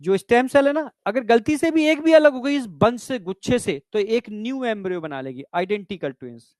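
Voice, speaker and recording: A man's voice: very high-pitched, lively intonation, brisk, a little mellow, dry recording, clean studio sound. A man teaching biology in a classroom lecture, explaining step by step and often checking that students understand. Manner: addresses students as "bhai" and "beta".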